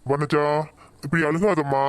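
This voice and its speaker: A man's voice: a little high, measured pace, clean tone, dry recording, natural voice. A man voicing a mild young husband in a cartoon, placating his mother and wife, with a Tirunelveli Tamil accent. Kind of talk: cartoon voice acting.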